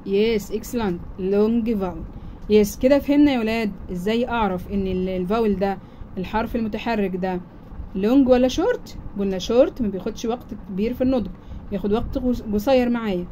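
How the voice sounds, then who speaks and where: A woman's voice: mid-range voice, brisk, warm tone, slight background noise, low-quality recording. A woman with an Egyptian Arabic accent teaching a children's English lesson, saying each word twice and explaining step by step.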